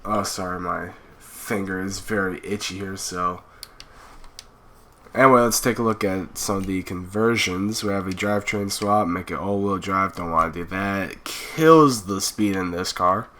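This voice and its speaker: This young host of a gaming channel has a cold and sounds stuffy as he casually chats through a racing game, laid-back and rambling with fillers. His voice sits low, unhurried, pushed and bright.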